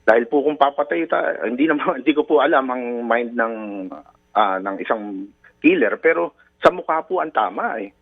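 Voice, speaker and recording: A man's voice: medium pitch, animated, moderate pace, vocal fry. Lawyer man on a tinny phone line. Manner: polite and deferential, hesitant with many fillers. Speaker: lawyer calling in. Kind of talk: phone interview. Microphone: telephone.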